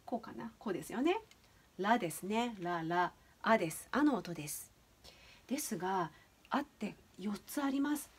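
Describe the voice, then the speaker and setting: A woman's voice: a little high, lively intonation, normal speed, breathy edge. A woman teaching English pronunciation in a casual video lesson, chatty and explaining step by step with many fillers.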